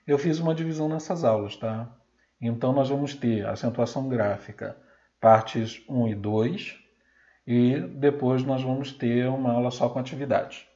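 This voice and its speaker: A Brazilian Portuguese man teaching a recorded grammar lesson, sounding out example words slowly and loudly. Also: medium pitch, steady tone, highs cut off.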